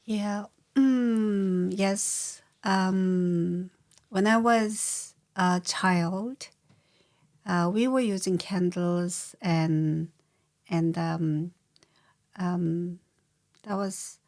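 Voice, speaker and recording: An older woman from South Korea with a Korean accent, answering interview questions slowly, with many pauses and fillers. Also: fairly low pitch, steady tone, darkish tone. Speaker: guest. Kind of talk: casual interview.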